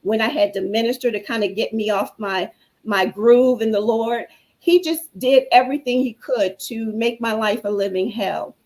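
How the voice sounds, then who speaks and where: A woman's voice: fairly high pitch, moderate pace, darkish tone, rough recording. A woman guest on a talk show telling her own story in an earnest, preacherly way. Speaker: guest speaker. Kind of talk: personal testimony on a talk show.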